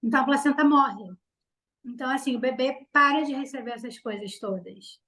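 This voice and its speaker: High-voiced Brazilian woman telling a story. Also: fairly quick. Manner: animated, acts out quoted dialogue, frequent fillers. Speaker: podcast guest. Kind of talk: casual storytelling.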